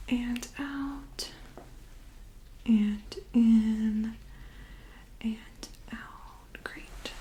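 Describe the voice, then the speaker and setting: A woman performs a whispered medical role-play in a soft, breathy voice. Her pitch sits a little high but stays very even, and she speaks slowly. Her manner is gentle, calm and reassuring, like a nurse at the bedside. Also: slight background noise, low-quality recording. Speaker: ASMR performer playing a medical examiner.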